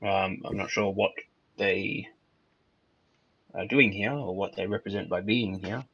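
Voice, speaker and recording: A man's voice: lowish voice, steady tone, measured pace, a bit bright, breathy edge. A man chatting casually as a player in a tabletop game, hesitant and full of fillers. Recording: dull lo-fi recording.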